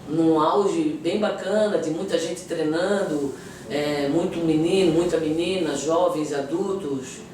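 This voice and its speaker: A woman's voice: deep voice, a little mellow. A middle-aged woman, a capoeira master reminiscing thoughtfully in an interview, with frequent restarts and tag questions. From Florianópolis, Brazil. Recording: very echoey room, distant mic, noisy background.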